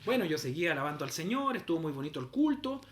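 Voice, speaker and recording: A man's voice: on the high side, sing-song, fast, roomy sound, a little hiss or hum. A middle-aged man, telling a story in a sermon, acting out voices and sounds as he goes. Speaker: preacher.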